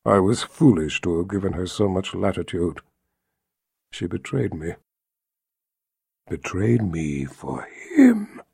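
A man voicing a brooding, jealous tyrant emperor with a deep rumbling voice, speaking slowly and menacingly. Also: sing-song, creaky, warm tone, breathy edge, no echo, studio quality, heavily acted. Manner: slow, low and menacing.

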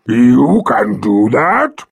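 A man voicing a huge proud young male red dragon, speaking slowly and booming as if from far off. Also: sing-song, gravelly, breathy edge, dry recording, full character voice. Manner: slow, booming, growling.

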